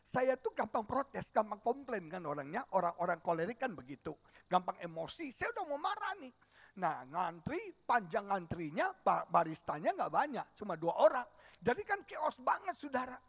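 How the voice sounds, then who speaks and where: A man in middle age, preaching with a high voice that carries a gravelly edge. He tells stories and moves between hushed and loud passages. His pitch rises and falls widely as he speaks. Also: normal speed. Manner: animated, swings from soft to loud, storytelling. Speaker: pastor. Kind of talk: sermon. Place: church stage.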